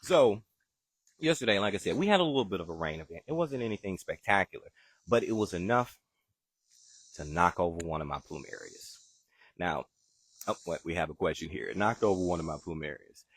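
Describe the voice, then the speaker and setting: A Southern-accented gardening show host runs a live chat from his backyard, answering viewer questions in an easygoing, chatty manner. His voice is deep, sing-song and breathy-edged, fairly quick, with no room sound.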